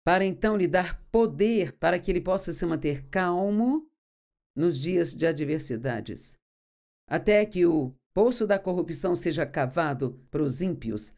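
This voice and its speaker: Female Bible teacher, earnest and instructive, warm, slightly low voice. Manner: earnest, instructive, reads scripture aloud. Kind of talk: sermon teaching, dubbed voice-over.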